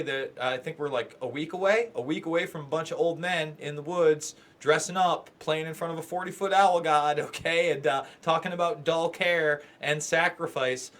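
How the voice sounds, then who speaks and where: A male co-host with a slightly higher pitch than most men talks on a casual live stream. He jokes and teases, and laughter often breaks into his lines. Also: fairly bright tone. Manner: joking, teasing, laughs often.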